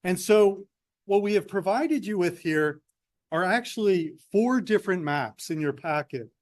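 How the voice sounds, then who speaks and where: A male professor leads a workshop in a somewhat high voice. He talks conversationally and addresses the group directly. The sound is dry with little room echo. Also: animated, measured pace, a little mellow. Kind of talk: lecture with instructions. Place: meeting room.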